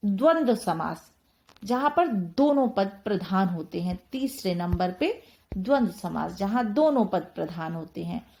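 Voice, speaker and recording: Slow, methodical woman teaching Hindi grammar. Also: medium pitch, a little mellow. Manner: slow, methodical, repeats key terms. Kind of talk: explanatory grammar lesson.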